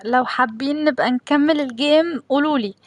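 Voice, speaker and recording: Female game streamer, Egyptian accent, high-pitched and very rapid, giggly, informal chat. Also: no echo. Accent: Egyptian Arabic. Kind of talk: casual livestream chat.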